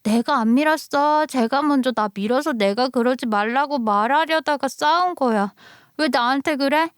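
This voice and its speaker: A woman's voice: high-pitched, moderate pace, clear, resonant tone, dry recording, studio quality, pitched above the performer's own voice, natural voice. A woman voicing a hurt, stubborn little girl who complains and pleads. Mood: whiny upset. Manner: whiny, upset, pleading.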